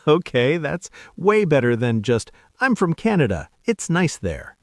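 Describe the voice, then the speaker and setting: Animated, comic American man. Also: a little high, takes it slowly, no room sound, clean studio sound. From United States. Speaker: learner in a lesson dialogue. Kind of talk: scripted conversation lesson.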